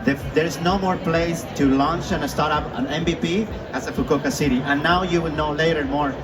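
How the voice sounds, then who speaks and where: A man's voice: on the high side, fairly even intonation, a little fast. Enthusiastic Chilean-born man on a panel. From born in Chile, raised in Australia. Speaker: startup incubator founder, panelist. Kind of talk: panel self-introduction. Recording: distant mic in a noisy event hall.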